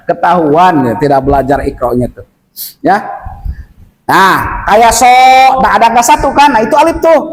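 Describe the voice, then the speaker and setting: A man from West Kalimantan teaching Quran recitation rules to village men, explaining patiently and chanting verses slowly to demonstrate. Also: sits high, very animated. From West Kalimantan, Indonesia. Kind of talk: tajwid lesson for village men. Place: village prayer gathering room. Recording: echoey room.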